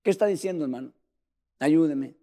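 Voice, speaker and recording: A man's voice: on the high side, brisk, dark tone, big-room sound. A man preaching a sermon in a fervent, emphatic way, speaking straight to the congregation.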